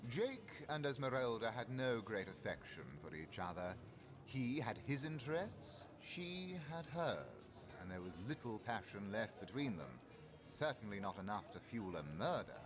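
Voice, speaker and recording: An actor playing a composed townsman in a video game, articulate and measured, defending himself. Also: fairly low pitch, big pitch swings, crowd noise. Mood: composed, defensive. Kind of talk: game character acting.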